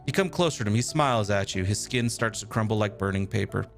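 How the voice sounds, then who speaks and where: A male streamer reading a video game's text aloud with a steady storytelling delivery. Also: lowish voice, quick pace, soft background music.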